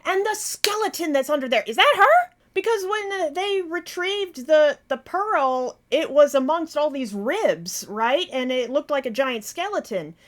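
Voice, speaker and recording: A woman's voice: high voice, animated, measured pace, few pauses. A woman hosting a reaction video, talking casually and expressively, with frequent exclamations and swearing.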